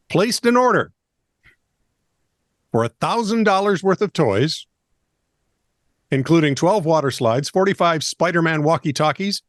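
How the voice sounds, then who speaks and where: A man's voice: a little high, no room sound, studio quality. A man co-hosting a comedic oddball news podcast, reading stories with wry jokes and asides. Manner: jokey, lively, reads stories with wry asides. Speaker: co-host.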